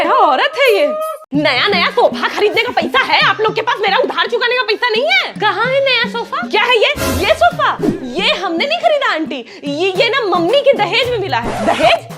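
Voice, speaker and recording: A woman acting out comic neighbour sketches, switching between bickering characters and often laughing. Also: very high-pitched. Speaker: sketch comedian playing several characters. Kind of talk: comedy sketch role-play.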